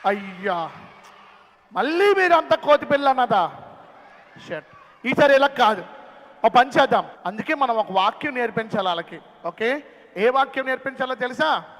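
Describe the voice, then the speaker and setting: Very high-voiced man hosting a kids' skit. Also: moderate pace. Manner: animated, calling out questions to children. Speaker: skit host at a children's camp. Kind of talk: playful skit with a young audience. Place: large hall at a children's camp. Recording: long hall reverb.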